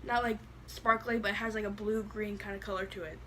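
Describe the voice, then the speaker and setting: A woman's voice: medium pitch, flat delivery, fairly quick, fairly bright tone, a little hiss or hum. A woman with a lisp that makes her s sound slushy, chatting casually and bluntly through a product review, rambling with lots of "like". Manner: blunt, rambling, heavy use of "like".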